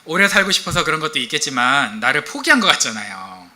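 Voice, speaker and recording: A middle-aged man preaches in a lively, conversational way, joking with the congregation and asking them questions. His voice is very bright and forceful and sits a little high for a man. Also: quick pace. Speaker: pastor. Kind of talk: sermon.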